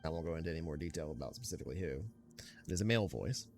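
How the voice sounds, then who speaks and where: A man narrating a tabletop game as game master, relaxed and rambling. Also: extremely low pitch, rapid-fire, soft background music.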